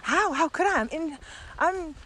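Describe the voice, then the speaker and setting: A podcast co-host who works as a virtual trainer chats enthusiastically and with emphasis while walking outdoors in the countryside, so ambient noise comes through. Her voice is extremely high and fairly bright, animated but measured in pace.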